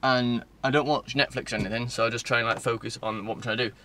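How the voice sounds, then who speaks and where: This is a young man in his twenties, Northern English, talking fast in a mid-range voice that sounds pushed and bright, with fairly even intonation. It's a casual, digressive vlog shot on a phone at arm's length inside a car. A faint hum of car-interior noise runs underneath.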